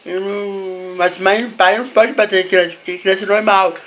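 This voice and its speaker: A man's voice: high-pitched, level tone, moderate pace, a bit bright, dull audio. A man giving parents advice in a casual vlog, repeating himself and tagging his phrases with little questions. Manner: repetitive, ends phrases with "né?" and "tá?". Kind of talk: casual talk to camera.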